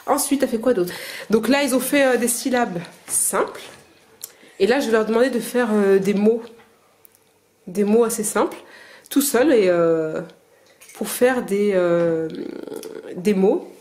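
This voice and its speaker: A woman's voice: medium pitch, unhurried, long pauses, a little mellow. A mother teaching her children at home and explaining the method to the camera in a hesitant, casual way full of filler sounds. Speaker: homeschooling mother.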